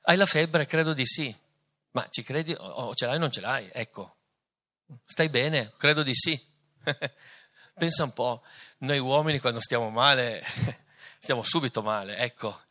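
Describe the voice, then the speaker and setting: A man's voice: mid-range voice, unhurried, pauses often, bright, forceful tone. A man, a priest, giving a conversational sermon to a couple, reading scripture and asking rhetorical questions.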